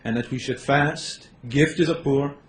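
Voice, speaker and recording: A man's voice: mid-range voice, a little slow. Slightly nervous male debater, echoey hall. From Los Angeles, United States. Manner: slightly nervous, hesitant, speeds up in bursts. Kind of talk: debate presentation. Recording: echoey hall, faint background noise.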